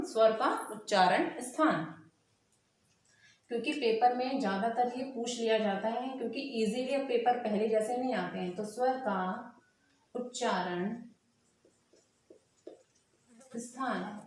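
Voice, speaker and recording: Higher-pitched woman teacher, echoey room. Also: moderate pace. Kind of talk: exam-prep grammar lesson.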